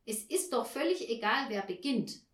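A woman voicing a patient but firm mother in a storybook reading, calm and gently scolding, recorded in an echoey room. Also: on the high side, normal speed, natural voice. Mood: exasperated.

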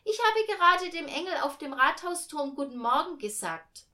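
A woman voicing a bright, cheerful little schoolgirl in a storybook reading. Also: high-pitched, sing-song, normal speed, voice pushed up, exaggerated voice. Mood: eager.

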